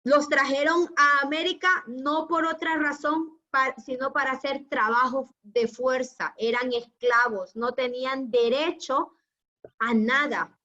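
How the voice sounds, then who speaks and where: Woman teacher, high bright voice, patient, muffled call audio. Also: steady tone, unhurried. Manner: patient, affectionate, asks the class questions. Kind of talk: online class lecture.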